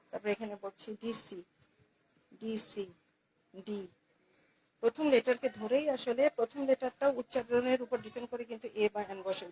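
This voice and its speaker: A woman's voice: medium pitch, slight background noise, rough recording. A woman teaching English grammar to young students, patiently repeating key words and answering her own questions. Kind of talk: classroom lesson explaining articles.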